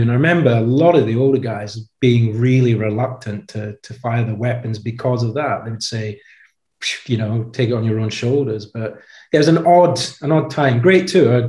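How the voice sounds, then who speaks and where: A chatty middle-aged man with a medium-pitched voice talks at normal speed, sharing animated stories full of "you know." He's a former commando guesting on a podcast, heard over a video call webcam from an indoor room with a brick wall and roomy echo.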